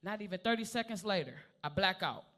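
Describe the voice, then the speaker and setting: A man in his thirties doing a loud, profane stand-up set on a comedy club stage, constantly calling out to the crowd. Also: high-pitched, animated, fast.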